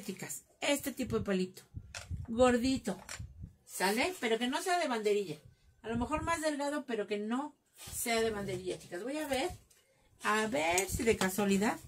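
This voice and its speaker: A woman's voice: on the high side, slight background noise. A woman with a Mexican accent hosting a live craft class, chatting and joking with her viewers while she works. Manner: chatty, jokey, calls viewers "chicas".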